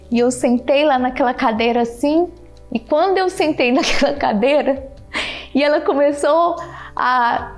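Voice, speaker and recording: A woman giving a heartfelt personal testimony, animated, repeating her phrases and thanking God. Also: high-pitched. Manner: animated, repeats phrases, keeps addressing the listener by name; religious, thanks God openly. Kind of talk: emotional personal storytelling.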